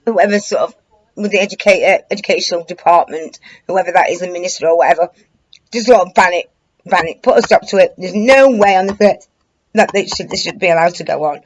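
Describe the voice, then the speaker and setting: A woman's voice: lowish voice, a little fast, poor audio. A British woman giving informal commentary to an online audience, rambling and colloquial, with a hesitant, searching delivery. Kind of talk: informal news commentary to camera.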